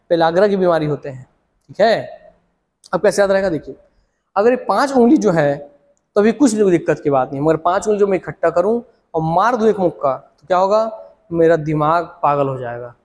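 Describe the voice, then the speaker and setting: Brief: young Chhattisgarhi male tutor, high voice, lively and repetitive, classroom reverb. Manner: animated, uses memory tricks and repeats words. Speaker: teacher. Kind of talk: exam coaching lecture.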